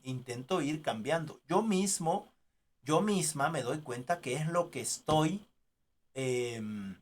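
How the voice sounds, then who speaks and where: Man, Mexican Spanish accent, graduate research teacher, online class, conversational, many tag questions and fillers, computer mic. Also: fairly high pitch. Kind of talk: online class, telling a personal anecdote. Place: home, remote online class. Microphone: computer mic on a video call.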